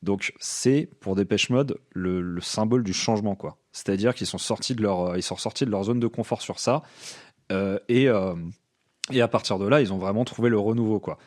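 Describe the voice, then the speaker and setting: Chatty man with a lowish voice. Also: moderate pace, a little mellow. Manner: enthusiastic, frequent fillers and restarts. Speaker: podcast co-host. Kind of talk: casual music chat.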